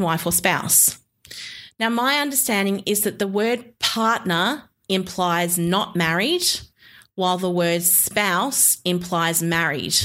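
An Australian woman in her thirties explains rules in relaxed, chatty talk. Her voice sits at an ordinary middle pitch. She often stops mid-sentence to restart and laughs easily. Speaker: marriage celebrant podcast co-host. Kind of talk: casual explanatory chat.

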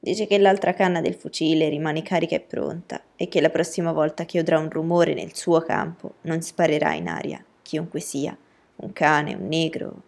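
A woman's voice: deep voice, normal speed, gravelly, darkish tone. A woman voicing a gossipy middle-aged neighbor in a storybook reading, telling news with relish.

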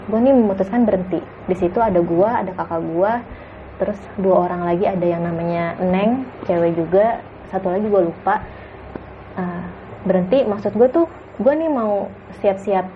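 Female guest storyteller, warm mellow voice, hushed spooky delivery. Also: medium pitch, a little hiss or hum, poor audio. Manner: hushed, suspenseful retelling with acted quotes. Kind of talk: casual story of a spooky hike.

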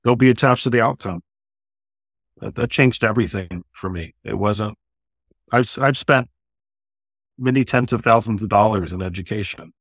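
A man's voice: fairly low pitch, normal speed, creaky, pauses often, fairly bright tone, slightly rough, dry recording, clean studio sound. A man answering questions as a guest on a podcast, in short, plain, earnest sentences. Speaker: podcast guest, note buyer. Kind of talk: conversational podcast interview.

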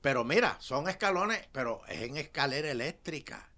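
Puerto rican guy hosting a comedy talk show, lively up-and-down voice, bright tone, jokey and loud. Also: fairly high pitch, normal speed. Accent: Puerto Rican Spanish. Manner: animated, joking, exclamatory. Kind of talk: comedic casual chat.

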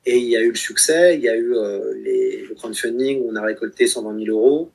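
Husky-voiced man in his thirties. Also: medium pitch, fairly quick, darkish tone. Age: 30s. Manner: hesitant, many fillers and restarts. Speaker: guest, author of a book project. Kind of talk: reflective conversational talk.

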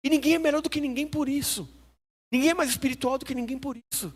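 A man with a Brazilian Portuguese accent, a pastor preaching a sermon in a church hall, telling stories in an animated, humorous, self-mocking way. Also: very high voice, quick pace. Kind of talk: storytelling sermon.

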